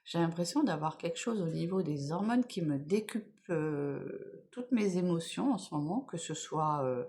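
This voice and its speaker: A middle-aged beauty vlogger talks through her morning makeup at home in a lowish, mellow, animated voice at normal speed. Tired and rambling, she keeps trailing off and getting back on track, her chatty talk full of "voilà" and "bon, bref".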